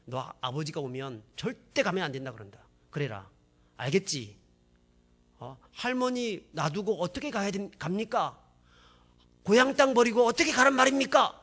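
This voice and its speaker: A man's voice: sits high, lively intonation, moderate pace, pushed and bright, pitched above the performer's own voice, heavily acted. A man voicing a stern old grandmother who drills orders into a child, speaking insistently. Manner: coaxing, insistent.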